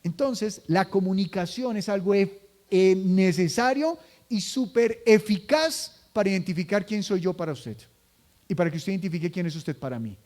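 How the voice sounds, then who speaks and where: High-voiced man preaching conversationally. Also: animated, normal speed, darkish tone. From Colombia. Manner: conversational, acts out quoted voices, asks tag questions. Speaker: pastor. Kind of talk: sermon.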